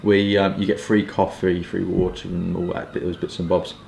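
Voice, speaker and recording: His voice is low, gravelly and darkish, held at a level tone and moderate pace: a southern English man in his twenties reviewing pipes and cigars. The casual chat drifts through hedging asides, recorded in a small furnished home room with echo and some background noise.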